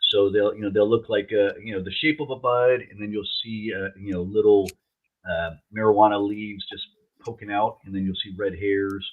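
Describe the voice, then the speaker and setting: A man chatting casually in a laid-back stoner way, halting and searching for words. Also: fairly low pitch, level tone. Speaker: logo artist and co-host. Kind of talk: casual chat. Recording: dull, lo-fi, muffled sound.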